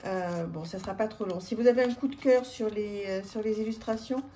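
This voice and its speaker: A woman's voice: mid-range voice, fairly quick, faint music behind. A woman casually showing an oracle card deck, chatty with many hesitations. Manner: chatty, warm-hearted, many fillers. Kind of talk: casual product presentation.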